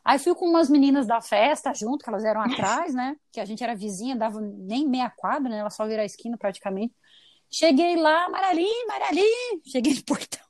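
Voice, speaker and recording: A high-voiced Brazilian woman in her thirties tells childhood stories on a casual podcast, switching voices to act out each quote. Her voice sounds dry and close, with no room around it. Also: fairly quick, no room sound. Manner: animated storyteller, acts out quotes in shifted voices. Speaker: podcast host. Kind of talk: casual chat.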